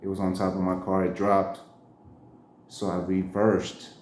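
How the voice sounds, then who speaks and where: A man's voice: sits low, completely flat delivery, measured pace, darkish tone, a little hiss or hum. Slangy man telling a story, roomy. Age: around 40. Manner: slangy, laughs often, acts out quotes. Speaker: storyteller, channel host. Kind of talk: casual storytelling. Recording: roomy echo.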